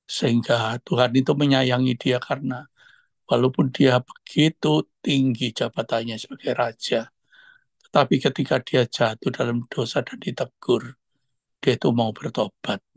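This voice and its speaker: A man's voice: medium pitch, steady tone, normal speed, no room sound. A man, casually telling a personal story during an online devotional sharing and acting out the quoted speech. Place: online video call.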